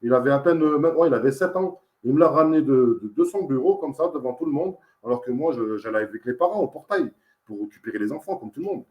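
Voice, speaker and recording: A man's voice: mid-range voice, lively intonation, fast, echoey room, lo-fi sound. A man giving a casual, emphatic testimony as an interviewee, telling his story in a repetitive, insistent way. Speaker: interviewee, father in dispute with social services.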